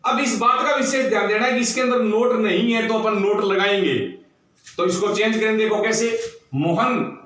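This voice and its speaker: Male teacher, high and bright, slow step-by-step explaining, echoey room, mic far off. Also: fairly even intonation. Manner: slow, explains step by step, spells out words letter by letter. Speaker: school teacher. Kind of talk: recorded classroom grammar lesson. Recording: roomy echo, far from the mic.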